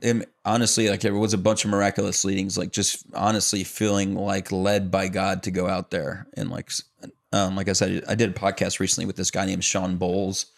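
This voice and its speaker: A young adult man from the Chicago area, guesting on a podcast, speaks with a low, gravelly voice. He rambles through his career story in a relaxed, casual way, restarting sentences and filling pauses. His tone stays easygoing and conversational. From Chicago area, United States. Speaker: actor and producer, podcast guest.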